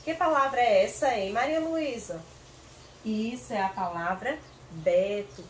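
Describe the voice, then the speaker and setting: A woman teacher from northeastern Brazil leading a slow, patient reading lesson for young children, sounding out syllables clearly and calling on pupils by name. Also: on the high side. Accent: Brazilian Portuguese, northeastern. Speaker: primary school teacher. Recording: roomy, distant mic with faint noise.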